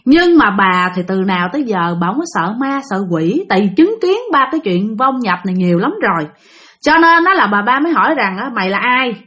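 A woman narrating a ghost story in a casual, chatty spoken style, turning often to address her listeners. Her voice sits somewhat high and moves in a lively way across its range. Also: fairly quick. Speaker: storyteller of a channel.

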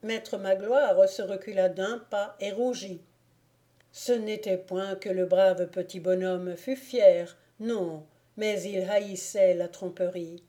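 A woman reading a novel aloud as an audiobook narrator in a measured way. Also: mid-range voice, fairly even intonation, warm tone. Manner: slow, measured. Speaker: audiobook reader. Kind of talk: scripted narration.

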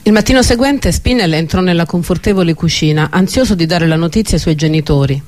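A man narrating an Italian novel in a steady, expressive reading voice. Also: a little high, fast. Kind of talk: audiobook narration.

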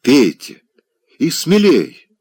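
A man's voice: medium pitch, wildly swooping pitch, slow pace, a little mellow, voice pushed up, exaggerated voice. A man voicing a coy, scheming middle-aged provincial lady who pries with wheedling, insinuating questions. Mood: coaxing.

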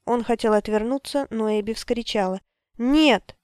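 Smooth-voiced woman narrating a story. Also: fairly high pitch, moderate pace, dry recording, clean studio sound. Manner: even, storytelling read. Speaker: audiobook narrator. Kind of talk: scripted narration.

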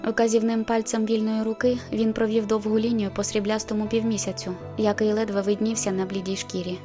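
A woman narrating a novel in the first person, in a measured, intimate storytelling manner. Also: mid-range voice, flat delivery, music in the background. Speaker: audiobook narrator.

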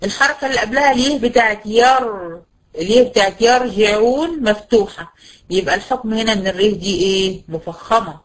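Posing questions and then answering them, a female Quran recitation teacher with an Egyptian Arabic accent works slowly and patiently through tajweed sound drills. Her voice is mid-range, and the recording quality is poor.

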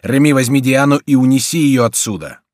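A man's voice: mid-range voice, animated, measured pace, no echo, clean studio sound. A male narrator voicing a brave young nobleman who speaks in bold, commanding declarations. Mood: defiant.

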